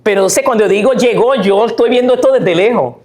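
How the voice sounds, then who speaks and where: A woman's voice: fairly high pitch, brisk, darkish tone. A woman author giving a chatty talk, full of fillers and restarts, sometimes humming or singing lines to make a point. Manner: chatty, many fillers and restarts, tag questions; sings and hums lines of a song to illustrate. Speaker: author and guest speaker. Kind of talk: lecture-style talk.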